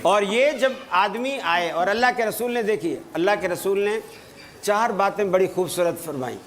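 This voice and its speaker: High-voiced man preaching with humor. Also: animated, a bit bright, a little hiss or hum. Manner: storytelling with light humor, reciting Arabic phrases slowly. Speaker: Islamic preacher. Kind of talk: religious talk to an audience.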